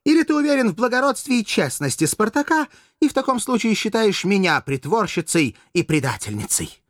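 Мужчина озвучивает молодую коварную куртизанку, театрально, с мольбой и надрывом, в аудиокниге. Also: male voice, moderate pace, mellow, no echo, clean studio sound, natural voice. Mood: accusing. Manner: shrill, pleading, theatrical. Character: scheming young female courtesan, passionate, manipulative. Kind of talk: audiobook character voice.

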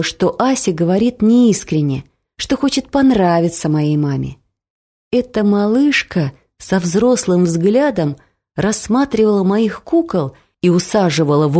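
A woman narrating a first-person audiobook story with expressive storytelling. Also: mid-range voice, measured pace.

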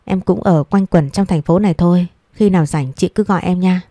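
A woman's voice: lowish voice, brisk, dry recording, studio quality, natural voice. A woman voicing a humble, polite young woman in an audio story, speaking deferentially. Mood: gentle. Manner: soft, deferential.

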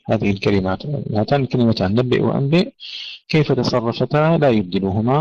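A man teaching Quran recitation rules, correcting common mistakes and slowly demonstrating the right pronunciations. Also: mid-range voice, creaky, a little mellow, no room sound. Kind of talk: tajweed lesson. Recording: dull lo-fi dry recording.

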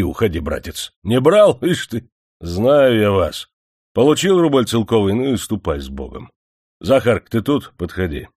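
A man's voice: on the low side, a little mellow, dry recording, clean studio sound. A man reading an audiobook who voices a greedy, hypocritically pious factory manager, scolding and mocking the workers. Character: pompous sanctimonious male factory manager, greedy. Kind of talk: audiobook character voice.

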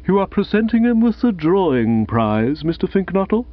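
A man's voice: high voice, big pitch swings, normal speed, lo-fi sound, pitched above the performer's own voice. A man voicing a stiff, formal schoolmaster announcing prizes in an audiobook. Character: stiff bearded schoolmaster presiding over prize-giving.

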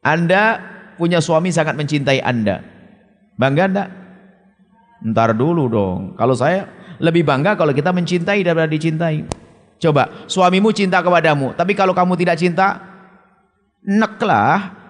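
Stern high-voiced preacher, echoing hall. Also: male voice, normal speed, long pauses. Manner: emphatic and stern, with sharp swings of pitch. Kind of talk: sermon answering a question from the audience.

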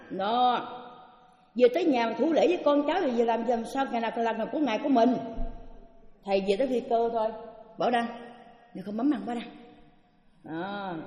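An older woman, a Buddhist teacher giving an anecdotal dharma talk, acting out the voices of the people in her stories. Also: a little high. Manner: animated storytelling, acts out quoted speech. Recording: echoey hall, dull lo-fi sound.

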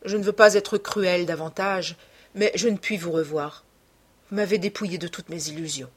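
A woman voicing a bitter, cold young man who lashes out at his lover with cutting reproach, in a husky voice. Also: fairly low pitch, normal speed. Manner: cutting, accusing tirade.

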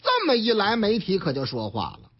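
A radio news commentator with a Beijing accent tells stories in a colloquial style, voicing the characters himself. His high, husky voice swoops wildly in pitch at a fairly quick pace, heard through dull lo-fi radio audio.

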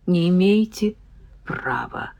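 A woman's voice: on the low side, animated, normal speed, dry recording. A woman reading a cornered, sullen female killer who hisses and whispers her lines, in an audiobook. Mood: hissing. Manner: whispering, hissing.

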